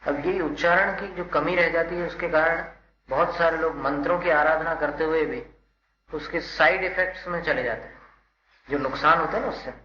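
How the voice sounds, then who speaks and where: A Jain monk teaching, leading call-and-response verse chanting and patiently correcting the students' pronunciation. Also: male voice, fairly high pitch, fairly even intonation, normal speed. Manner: patient, instructive, stresses syllables. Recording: roomy, dull, loud background noise.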